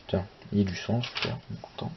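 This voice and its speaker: Flipping through a magazine on his manga channel, a young man chats in an easygoing unboxing style, rambling, talking to himself, and swearing lightly. His creaky voice is on the low side and fast, and the recording sounds slightly dull with a persistent hiss.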